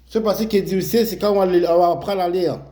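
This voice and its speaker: A man's voice: sits high, steady tone, fast, warm tone. A man teaching Arabic letters step by step, explaining while he writes and repeating each sound many times. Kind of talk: slow step-by-step lesson.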